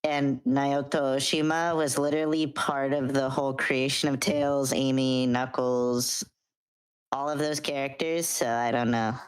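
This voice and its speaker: Very low, clear-voiced young woman. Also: steady tone, a little slow. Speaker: co-streamer. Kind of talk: casual discussion.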